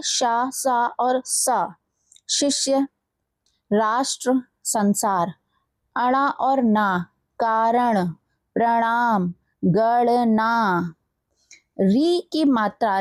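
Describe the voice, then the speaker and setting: A woman teacher giving an exam-prep grammar lesson, reading words out slowly and carefully and repeating each one. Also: fairly high pitch, darkish tone, dry recording. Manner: slow, careful word-by-word dictation, repeating each word.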